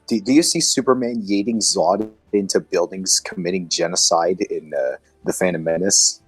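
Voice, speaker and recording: A man with a low, husky voice cracks sarcastic jokes in a loose chat. Faint music sits behind him. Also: moderate pace, no echo, rough recording. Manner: sarcastic joking. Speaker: stream participant. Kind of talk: casual group chat.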